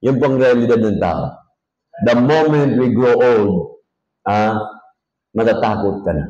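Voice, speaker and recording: A male pastor with a Filipino accent preaching a sermon in an air-conditioned church. He jokes with the congregation, and his voice rises to a near shout when he reads scripture. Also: medium pitch, lively intonation, slow pace, dull audio. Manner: folksy, joking asides to the congregation.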